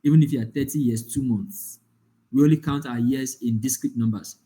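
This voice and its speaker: A man gives a live lecture over an online call. His voice is mellow and relaxed, and it sits at an ordinary pitch for a man. He walks through examples and keeps checking whether the class follows. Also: brisk. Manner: explains with examples, often checks the class understands. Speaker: data analytics instructor.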